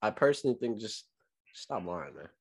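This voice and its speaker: A man's voice: fairly low pitch, very animated, normal speed, a little mellow. A man chatting casually as a podcast co-host, blunt and emphatic, repeating phrases for effect. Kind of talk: casual chat.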